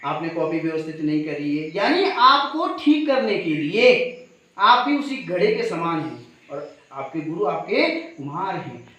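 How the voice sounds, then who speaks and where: Rather high-pitched man addressing students at a school assembly. He keeps asking the audience questions and checking that they follow. His voice rings through a very echoey hall. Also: animated, unhurried, fairly bright tone, slight background noise. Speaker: teacher speaking at a school event.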